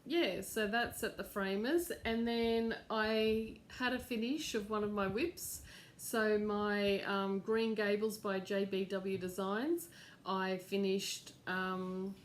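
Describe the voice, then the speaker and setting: Middle-aged woman, crafts-channel host, rambling home chat, mid pitch, faint rumble behind. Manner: chatty, rambling, with fillers and laughs. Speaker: cross-stitch channel host. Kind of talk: casual chat to camera.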